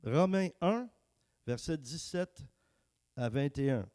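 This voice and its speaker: A man preaching a casual, joking sermon and reading scripture slowly. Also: on the high side, lively intonation, darkish tone, clear, resonant tone. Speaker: preacher and worship singer. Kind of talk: casual sermon with sung worship.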